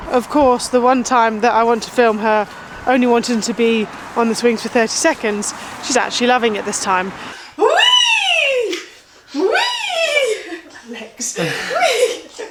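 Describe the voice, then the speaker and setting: Chatty mum vlogging. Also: female voice, a little high, very noisy. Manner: rambling, chatty, fillers of "like". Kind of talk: casual vlog chat.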